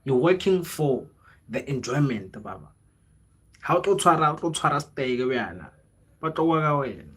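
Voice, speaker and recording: With big pitch swings and a fairly bright, breathy-edged mid-range voice, this young South African man talks at a normal speed on his livestream. The content creator's casual, motivational rambling is full of slang, repeated phrases for emphasis and switches into local languages.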